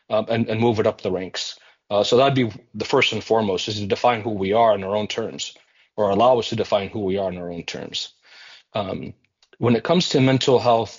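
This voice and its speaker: A man from the United States giving earnest, measured public remarks at a civic meeting, with frequent ums and uhs as he gathers his thoughts. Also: mid-range voice, lo-fi sound. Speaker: community center representative.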